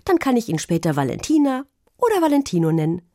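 Lady doing a shy sweet little girl who loves animals, high and bouncy. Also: sing-song, fast, dark tone, no echo, studio quality. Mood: eager. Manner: timid, eager when explaining. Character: shy kind animal-loving young girl.

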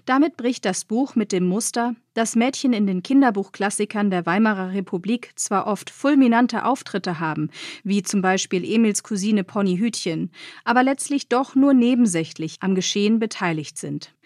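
A woman's voice: medium pitch, a little mellow, dry recording, studio quality. Woman narrating a radio feature. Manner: measured, explanatory.

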